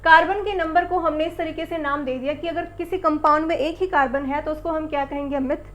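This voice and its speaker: A woman's voice: high voice, fairly even intonation, fairly quick, fairly bright tone. A woman teaching a school chemistry class. She asks the pupils questions, answers them herself and repeats the key words. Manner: calls the pupils beta and bachche. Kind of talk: classroom lesson.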